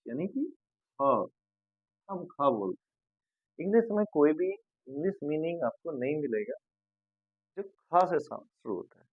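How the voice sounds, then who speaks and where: A man teaching an English grammar lesson. He goes patiently, repeats sounds slowly and keeps checking that his students follow. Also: on the high side, no room sound, phone-quality sound.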